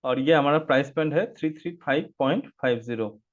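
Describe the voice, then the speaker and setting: A man's voice: medium pitch, a little fast, muffled recording. A man teaching a live online class on stock trading. He explains each step and reads chart figures aloud, and he asks his audience to work out answers. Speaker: stock market trainer.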